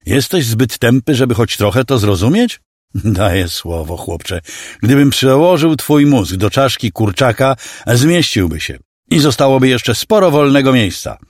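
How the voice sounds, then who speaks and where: A man's voice: medium pitch, sing-song, measured pace, no echo, clean studio sound, pitched above the performer's own voice. A man voicing a cruel male alien clone villain who mocks and threatens in a condescending, menacing way. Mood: mocking menace. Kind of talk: audiobook character voice.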